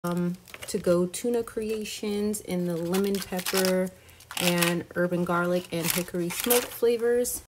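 A chatty woman in her thirties talks casually to her viewers and calls them y'all. Her voice sits fairly low. She films herself at arm's length around her house, with faint noise behind. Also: fairly even intonation, unhurried. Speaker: lifestyle vlogger. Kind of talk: casual vlog chat to camera. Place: home kitchen and garage, indoors. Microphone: camera held at arm's length.

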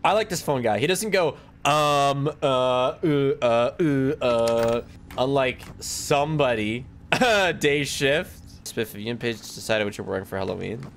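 A man's voice: medium pitch, measured pace, fairly bright tone, slight background noise. A man streaming a video game, commenting casually, joking with chat and laughing often.

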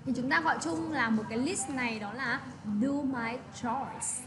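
A woman teaching an English lesson to children, repeating words slowly and checking that they understand. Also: high-pitched, crowd noise. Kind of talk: classroom lesson explaining vocabulary.

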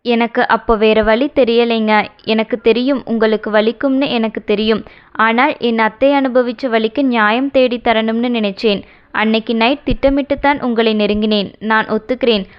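A woman's voice: a little high, fairly even intonation, normal speed, clean tone, lo-fi sound, close to an everyday voice. A woman voicing a tender young wife who pleads with her husband in an audiobook romance. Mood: earnest. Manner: emotional pleading dialogue.

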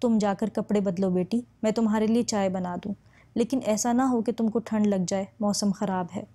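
A woman's voice: on the high side, steady tone, normal speed, dark tone, lightly acted. Fussing, affectionate mother, read by a woman. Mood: fond. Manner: fond, fussing. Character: affectionate middle-aged mother. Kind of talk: audiobook reading.

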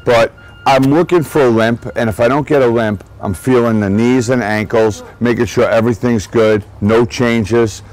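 A man's voice: mid-range voice, steady tone, normal speed, darkish tone, low-quality recording. A man, a racehorse trainer giving a guided barn tour outdoors, chatty and digressive, often restarting his sentences. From Long Island, New York. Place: outdoor horse barn shed row.

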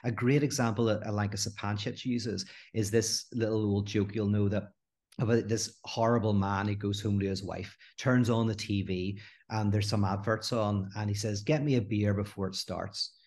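Middle-aged guy on a podcast, lively, does little voices when telling jokes. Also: fairly low pitch, normal speed. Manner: expressive, acts out quoted voices in anecdotes. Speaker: guest philosopher. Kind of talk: animated podcast conversation.

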